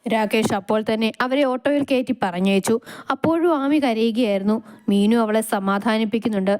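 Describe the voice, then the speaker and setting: A woman reading a romance story aloud in a steady, even storytelling manner. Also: a little high, fairly quick.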